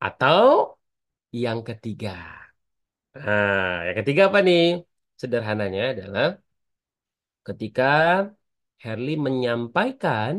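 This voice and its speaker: A man's voice: mid-range voice, sing-song, a little slow, long pauses, a bit bright. A man teaching an online public speaking class, chatty and constantly asking his students for answers.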